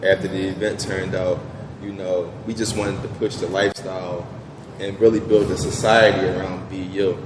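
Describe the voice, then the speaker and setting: A man's voice: low-pitched, flat delivery, moderate pace. A young man, answering interview questions in a laid-back way with many fillers. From Southwest Philadelphia. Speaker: business owner guest. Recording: echoey room with background noise.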